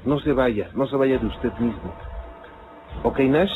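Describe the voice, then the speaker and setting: A male radio host calmly questioning a caller and narrating what happened. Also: mid-range voice. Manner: calm, measured questioning. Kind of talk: radio call-in show. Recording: phone-like archive radio with music.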